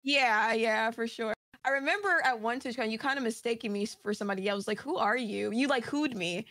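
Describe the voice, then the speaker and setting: A woman's voice: a little high, brisk, a bit bright, no room sound, clean studio sound. A woman guest chatting casually, rambling and hesitant with a self-deprecating humor. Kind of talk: casual chat.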